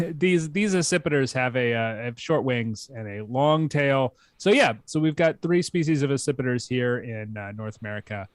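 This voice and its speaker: A middle-aged man co-hosting a live bird question show, explaining in a measured way and thinking aloud. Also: medium pitch, lively intonation, no echo, studio quality. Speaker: co-host answering bird questions. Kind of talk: casual live stream chat.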